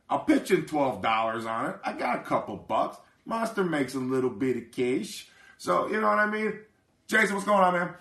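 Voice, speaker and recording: Male host, casual live chat, brash and profane, rambling; a touch high, sharp tone, echoey room. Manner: keeps asking "you know what I mean". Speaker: livestream host.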